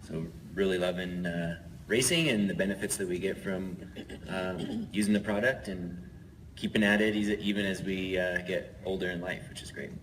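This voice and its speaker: A man's voice: sits low, normal speed. A man speaking on an athlete panel, hesitant and full of fillers. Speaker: panelist, pro triathlete. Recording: noisy event room.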